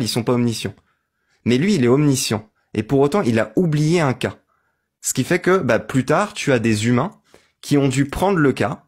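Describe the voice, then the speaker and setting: Hosting an online voice-chat debate, a man lays out his argument methodically, step by step, and keeps asking for agreement. His voice is mid-range, darkish, and slightly rough.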